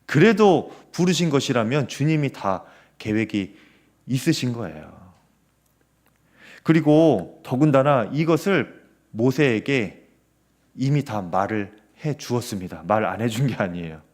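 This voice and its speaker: A man's voice: mid-range voice, animated, unhurried, darkish tone. A male pastor preaching a sermon at a Friday prayer service, earnest, with many small fillers and rising emphasis. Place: church sanctuary.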